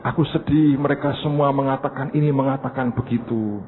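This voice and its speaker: A preacher plays Jesus as a calm, somewhat weary grown man, speaking low and unhurried. His tone is soft and patient, and the sound is thin and phone-like with faint background noise. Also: natural voice. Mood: sorrowful. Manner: soft, low, unhurried, sprinkled with English phrases.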